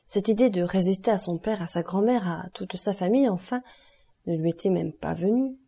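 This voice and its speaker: Calm, measured female narrator for a classic novel audiobook, warm mellow tone. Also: mid-range voice, gravelly, husky. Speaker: audiobook reader.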